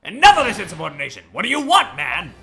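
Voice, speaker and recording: A man's voice: sits high, very animated, fairly quick, pushed and bright, a little hiss or hum, pitched above the performer's own voice, exaggerated voice. A man doing a barking army sergeant. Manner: clipped military commands.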